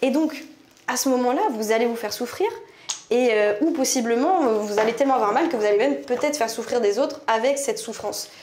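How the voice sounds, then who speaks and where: A young woman from France chatting casually to camera in her bathroom at night, slangy and animated with viewers. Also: a little high, a little fast, background noise. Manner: chatty, slangy, addresses viewers as "les gars". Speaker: YouTuber.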